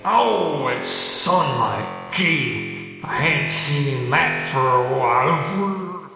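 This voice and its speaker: A man voicing a grumpy male swordfish in an audio drama, over loud guitar music. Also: a little high, lively intonation, very slow, creaky, exaggerated voice. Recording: roomy reverb under loud guitar music.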